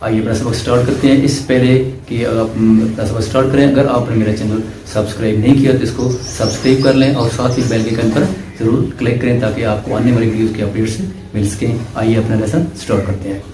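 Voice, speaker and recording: A man hosting a pronunciation lesson, spelling each word out letter by letter and then repeating it slowly, like a teacher. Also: mid-range voice, level tone, mellow. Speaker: language teacher and channel host. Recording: roomy sound from away from the mic, faint noise.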